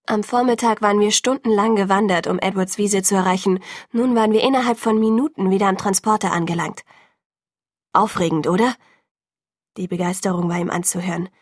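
Audiobook narrator, female; calm, measured first-person reading, slightly breathy, dry. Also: medium pitch, no echo.

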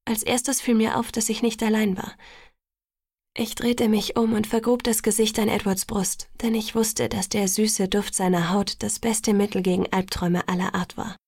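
A woman narrating a novel in the first person in a hushed, breathy half-whisper. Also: medium pitch, flat delivery, normal speed, no room sound, clean studio sound. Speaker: audiobook narrator.

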